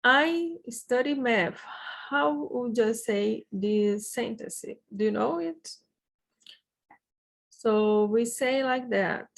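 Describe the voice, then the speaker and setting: A woman's voice: a little high, extremely slow, vocal fry. A Brazilian woman teaching Portuguese vocabulary in English with a Brazilian accent, patiently saying each word twice before translating it. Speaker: language teacher. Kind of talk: slow language lesson with repetition drills.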